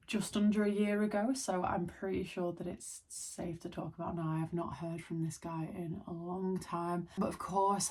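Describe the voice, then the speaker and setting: Woman, lowish husky voice, hungover, casual storytime vlog, rambling, self-deprecating. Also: darkish tone. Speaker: content creator telling a personal story to camera.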